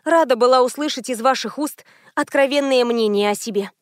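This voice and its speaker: Soft-spoken young woman, hushed and high, as a woman narrator puts her on, dry close audiobook sound. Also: fairly quick, no echo, natural voice. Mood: composed. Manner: soft, near-whispered. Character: quiet young woman, meek, secretive.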